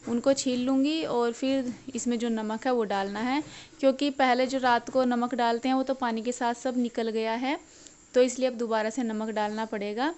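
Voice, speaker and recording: Woman cooking narrator, plain step-by-step delivery, clean, smooth voice. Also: on the high side, steady tone, moderate pace, a little mellow. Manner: explains each step plainly. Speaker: cooking vlogger.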